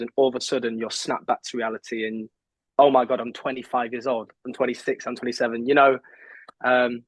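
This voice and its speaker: A young man in his twenties answers interview questions in a loose, rambling way. He stays at a middle pitch for a man, and the sound is dry and close with no room echo. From England. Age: 20s. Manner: chatty, rambling with fillers and restarts. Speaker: songwriter guest. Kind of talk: casual interview chat.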